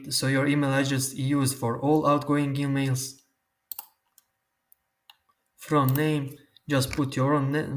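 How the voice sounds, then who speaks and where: This screen-recorded software tutorial features a male host, a native Croatian speaker, with a medium-pitched voice. His delivery is slow and methodical, laying out each instruction in turn.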